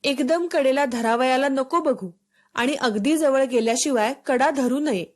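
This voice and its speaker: A woman's voice: sits high, measured pace. A woman voicing a kind young man who teaches a boy to swim, with patient, encouraging instructions. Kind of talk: storybook reading.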